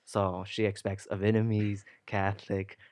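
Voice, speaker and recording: Chill young guy, bit low voice, casual podcast chat, swears a lot, dry close sound. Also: little pitch movement, normal speed, a little mellow, no echo. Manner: laid-back, swears freely, trails off mid-sentence. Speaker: podcast co-host.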